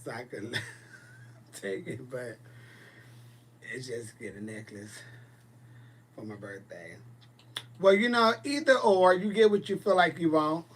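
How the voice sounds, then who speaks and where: A man's voice: a little high, takes it slowly, long pauses, slight background noise. A man in his forties hosting a casual livestream, chatting and answering viewer comments in a blunt, sassy way. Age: 40s. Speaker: livestream host. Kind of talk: casual live chat reading viewer comments.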